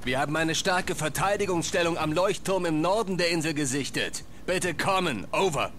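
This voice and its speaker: A man's voice: on the high side, normal speed, a little hiss or hum. An actor playing a male soldier who gives a formal report over a military radio. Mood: steady. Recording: game audio with loud music.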